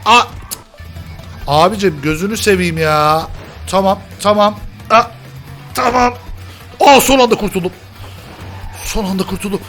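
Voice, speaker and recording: A young man with a high voice gives excitable gameplay commentary, repeating short words in rapid bursts and yelling when things go wrong. Faint game music plays under his voice. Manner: frantic, chanting words over and over, yelling at the game. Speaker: gaming YouTuber. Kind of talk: excited let's-play commentary.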